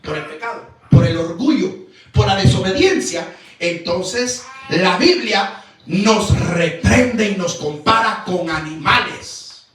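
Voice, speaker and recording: High-pitched, emphatic preacher in echoey church. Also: male voice, expressive, slow. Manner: emphatic, rhetorical questions, bursts of shouting. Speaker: pastor. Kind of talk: Pentecostal-style sermon. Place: church sanctuary. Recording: very echoey church hall, mic far off.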